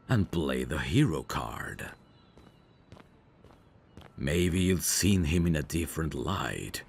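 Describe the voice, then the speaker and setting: In an ASMR roleplay audio drama, a man plays a dangerous, flirtatious mafia boss who is smugly protective. His very deep, creaky voice carries a slight hiss or hum, fully in character, with a teasing, self-assured, unhurried delivery.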